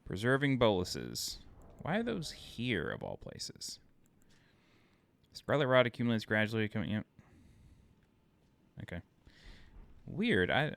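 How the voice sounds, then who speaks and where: A man's voice: lowish voice, vocal fry, a bit bright. A tired man with a New York accent giving chatty, self-deprecating walkthrough commentary over a video game, thinking aloud as he plays. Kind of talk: casual gameplay commentary.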